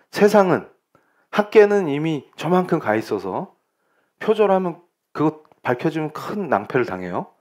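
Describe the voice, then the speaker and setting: A middle-aged man from Seoul preaching a sermon as pastor, asking rhetorical questions and swinging between loud bursts and quiet asides. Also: a little high. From Seoul, South Korea.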